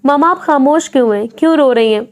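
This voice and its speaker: A woman's voice: high voice, lightly acted. A woman voicing a heartbroken grown son in a storybook reading, repeating his pleas. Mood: pleading.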